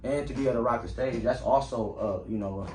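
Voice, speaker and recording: A man's voice: medium pitch, brisk, recorded from a distance. A man with a Detroit accent, a rapper guest talking in a casual interview and acting out quotes as he tells stories. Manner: animated storyteller, acts out quotes. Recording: roomy sound from off mic with faint background noise.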